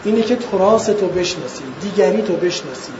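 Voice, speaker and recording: Man, lecturer, very high pitch, rhetorical questions, echoey lecture hall, faint hiss. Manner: earnest, rhetorical questions, slows for emphasis. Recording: echoey, dull lo-fi room recording.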